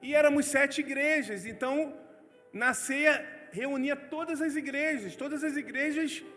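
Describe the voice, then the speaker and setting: High-voiced Brazilian preacher in a hall. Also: male voice, measured pace. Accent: Brazilian Portuguese. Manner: animated storyteller, swings from loud outbursts to hushed asides. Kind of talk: testimony sermon. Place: church hall. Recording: church hall reverb, faint music.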